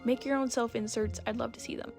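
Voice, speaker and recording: A young woman who makes videos and art talks fast in a high, fairly even voice with vocal fry, over background music. Her casual voice-over rambles along in a talkative, self-deprecating way.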